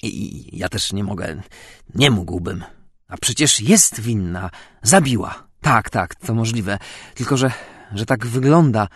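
A man's voice: fairly low pitch, lively intonation, a little slow, husky, no room sound, studio quality. A man voicing a frightened baron in an audiobook, with a trembling, wavering voice that turns commanding. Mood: uneasy. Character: frightened middle-aged male baron accomplice. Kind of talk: audiobook character reading.

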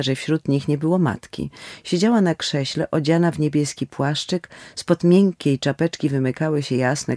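A man reading a story aloud in a solemn, expressive literary style. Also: fairly high pitch, no room sound, clean studio sound. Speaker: audiobook narrator. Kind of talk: scripted storybook narration.

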